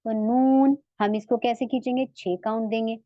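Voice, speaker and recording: A woman with an Urdu accent leads a patient online recitation lesson, often checking that her listeners follow her. Her voice sits fairly high and she draws out the sounds she demonstrates. The recording is dry and a little dull, with no room sound. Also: steady tone, normal speed, no echo. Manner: patient, asks checking questions. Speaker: Quran recitation teacher.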